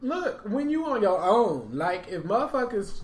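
A blunt, heavily profane man co-hosting a podcast, talking in a loose, relaxed drawl. His pitch swings widely as he talks. The room around him is echoey, with faint background noise. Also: normal speed. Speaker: podcast co-host. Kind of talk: casual chat.

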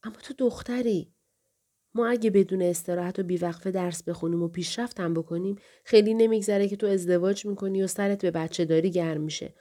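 A woman reading the part of a revered older male scholar in an audiobook, speaking softly and slowly with a kindly, grieving manner. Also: mid-range voice, fairly even intonation, natural voice. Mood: wistful.

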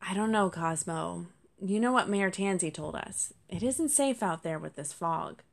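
Woman reading a gentle, weary father fox. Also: lowish voice, measured pace, vocal fry.

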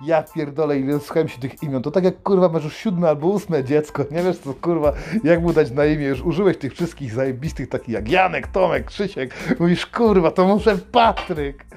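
A man hosting a comedic rant monologue, swearing constantly and mockingly yelling out names. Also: a little high, brisk, hardly any pauses, faint music behind. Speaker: host.

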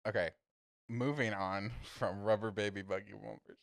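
A man co-hosting a podcast in casual chat, often breaking into high-pitched laughter. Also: steady tone, normal speed, vocal fry, no echo. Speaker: podcast co-host.

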